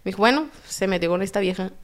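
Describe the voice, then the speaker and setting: A woman with a Mexican accent, a podcast guest telling her own story in a lively way and acting out the dialogue. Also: mid-range voice, fast. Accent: Mexican Spanish. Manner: animated, acts out quoted dialogue.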